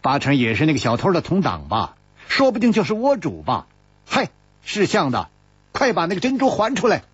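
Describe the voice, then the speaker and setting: Casting: man playing a haughty young swordswoman, shrill, indignant, lively pitch, dull lo-fi audiobook sound. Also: quick pace, pauses often, breathy edge, exaggerated voice. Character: proud hot-tempered young swordswoman.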